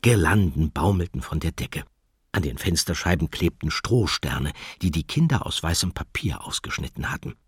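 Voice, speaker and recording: A man narrating a children's audiobook in an expressive storytelling manner. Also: rumbling low, moderate pace, breathy edge, no echo, studio quality.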